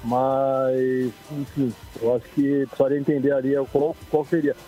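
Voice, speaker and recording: Man on a phone line, mellow voice. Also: medium pitch, level tone, normal speed, soft background music. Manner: hesitant, trails into frequent tag questions. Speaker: caller. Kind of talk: casual football chat.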